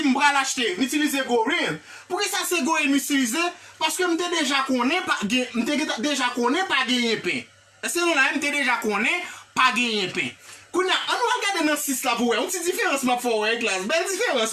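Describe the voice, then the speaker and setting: An English teacher with a Haitian accent giving a live online lesson, animated and repetitive, often checking in with the class and praising viewers by name. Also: sits high, distant mic. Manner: animated, repetitive, checks in with "hein?" and "vous comprenez?".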